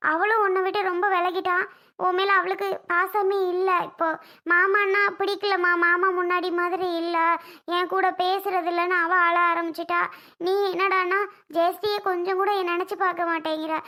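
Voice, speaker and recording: Brief: woman doing a weepy, reproachful mum, voice pushed very high, family skit. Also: sharp tone. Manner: crying, pleading, reproachful. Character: tearful middle-aged mother, hurt older sister.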